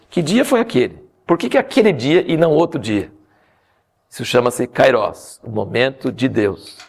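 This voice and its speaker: A man preaching a sermon, telling the story with animated humor. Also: mid-range voice, gravelly. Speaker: pastor.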